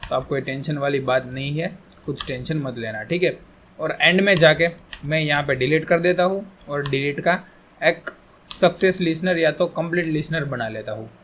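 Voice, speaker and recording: A man's voice: a little high, fairly bright tone. Man walking through code. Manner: explains step by step, asks and answers his own questions; reassuring, casual, repeats "theek hai". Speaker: coding tutor. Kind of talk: screen-recorded coding tutorial.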